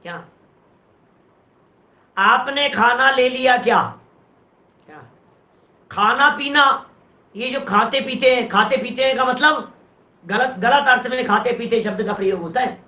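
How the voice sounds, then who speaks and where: A man's voice: extremely high pitch, measured pace, pauses often, sharp tone, roomy sound. A man, a preacher giving a sermon who explains a verse phrase by phrase and asks the listeners rhetorical questions. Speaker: Jain preacher.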